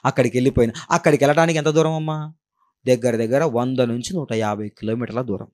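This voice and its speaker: A man with a Telugu accent preaching a Christmas sermon. He asks his listeners rhetorical questions and swings between loud, high passages and hushed, low ones. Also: fast.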